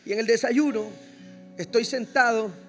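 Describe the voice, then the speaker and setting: A man's voice: extremely high pitch, unhurried, faint music behind. A man, a pastor with a Puerto Rican accent, telling a story in a sermon and acting out the dialogue with humor. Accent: Puerto Rican Spanish. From Puerto Rico. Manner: animated, acts out dialogue, laughs at himself.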